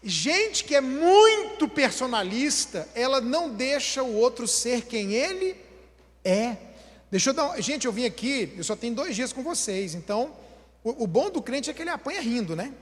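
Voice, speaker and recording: A man's voice: extremely high pitch, moderate pace. A man preaching a humorous sermon with a Brazilian Portuguese accent, acting out everyday dialogues. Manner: animated, acts out everyday dialogues. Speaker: pastor. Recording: long hall reverb.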